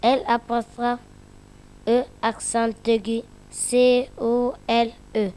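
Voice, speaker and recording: A woman's voice: a little high, little pitch movement, takes it slowly, a little mellow, smooth. A woman reading aloud as a pupil, sounding out words syllable by syllable and spelling out letters.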